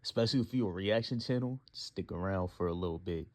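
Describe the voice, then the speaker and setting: A man's voice: low-pitched, fast talker, noisy background. A man of twenty thanking his viewers in slangy, joking casual talk, recorded on a phone. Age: 20s. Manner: slangy, joking, trash-talking. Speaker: YouTuber.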